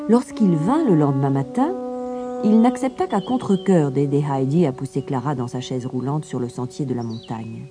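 A woman narrating a children's storybook in an expressive way, with music playing behind. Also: deep voice. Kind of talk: storybook reading.

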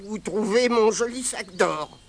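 A woman voicing a tiny, wily male leprechaun who whines, pleads and tries to trick, in a very high, shrill voice. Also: a little slow. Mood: cowed. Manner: sly and pleading, fakes tears and fright.

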